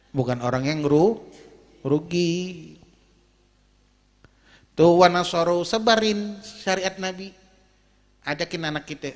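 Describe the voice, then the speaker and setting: A man preaching a lively, jokey sermon at a large gathering, swinging between loud calls and low storytelling. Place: large outdoor or hall gathering. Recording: reverberant PA in a big space.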